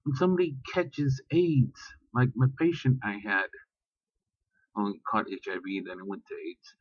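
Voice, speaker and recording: A man's voice: medium pitch, steady tone, moderate pace, dry recording, highs cut off. A man ranting bluntly and profanely in a casual vlog, talking about religion with heat. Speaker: vlogger. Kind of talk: casual spoken rant.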